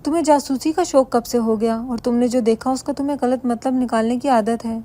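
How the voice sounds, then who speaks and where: Cold bossy rich husband as a woman reads him, gives orders, mellow low-key tone. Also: fairly even intonation, close to an everyday voice. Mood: stern. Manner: cold, commanding. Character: wealthy husband, stern, controlling man.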